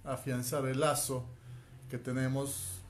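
A martial arts instructor and life coach in his forties from Quito introduces himself earnestly, straight to camera, in an Ecuadorian Spanish accent, often adding "ok?" as he addresses the viewer. His mid-range voice is slow with little pitch movement. Recorded on a phone camera at arm's length in a small room at home, with a little hiss or hum.

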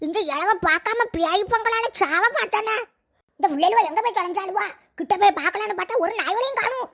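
A bossy old village grandmother in a cartoon, played by a woman, scolds and bosses. Her voice is squeaky-high yet gravelly, with a crackly roughness. She talks bluntly and impatiently. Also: brisk, fairly bright tone. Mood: scolding chatter.

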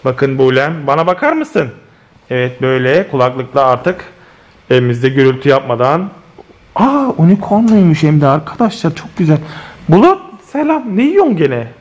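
A man's voice: fairly high pitch, very animated, moderate pace, darkish tone. A man speaking to viewers in a casual family vlog at home, playfully coaxing a child. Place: at home indoors.

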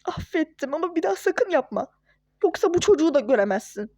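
A woman's voice: very high voice, big pitch swings, fast, dry recording, studio quality, full character voice. A girl doing a firm, scolding young wife. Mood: hurt. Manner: scolding, hushing and pleading. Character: young wife and mother, hurt but firm and sensible. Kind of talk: home-made toy-game role-play.

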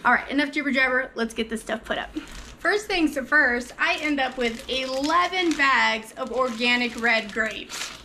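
A woman in her thirties with a fairly high voice, vlogging from her home kitchen. She talks to her viewers in a chatty, upbeat and eager way. A faint background hum sits under her voice. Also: unhurried, sharp tone. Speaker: vlogger, mother. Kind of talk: casual chatty vlog.

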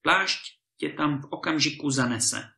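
Guy doing a big bragging giant, booming and gravelly, echoey room. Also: bright, forceful tone, heavily acted. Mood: boastful. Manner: booming, thundering. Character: huge boastful male giant lord. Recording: roomy echo.

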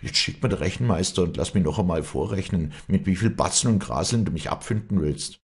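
A man's voice: deep voice, animated, fairly quick, slightly rough, pitched above the performer's own voice, exaggerated voice. A man voicing a passionate, bitter young farmhand who pleads and sneers in rural dialect.

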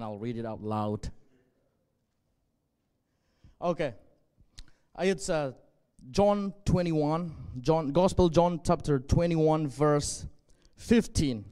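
Male pastor in his 40s, native Zomi speaker, earnest measured sermon, slightly high voice, long hall reverb. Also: a little mellow, clean tone. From northwest Burma. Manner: earnest, measured, with frequent pauses and fillers. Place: church stage, indoors. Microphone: handheld.

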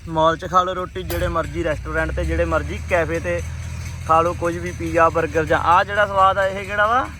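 Young man, Punjabi accent, high-pitched, expressive casual vlog chat, noisy outdoor recording. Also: fairly quick. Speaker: vlogger. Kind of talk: casual chat while vlogging farm work. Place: outdoors on a farm.

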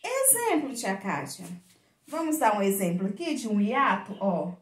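A woman teacher with a Brazilian Portuguese accent gives a video lesson to children, stretching her words in a slow, sing-song way. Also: mid-range voice, big pitch swings. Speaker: primary school teacher. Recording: echoey room.

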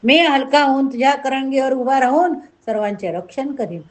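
A woman voicing the young boy god Krishna, calm and reassuring, in a devotional story reading. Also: high voice, moderate pace, voice pushed up, natural voice.

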